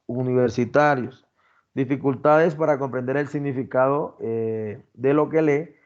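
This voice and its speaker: Male lecturer, mid pitch, methodical teaching delivery, dull muffled recording. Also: steady tone, measured pace, a little mellow. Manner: explains criteria step by step, addresses students directly. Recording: dull lo-fi sound.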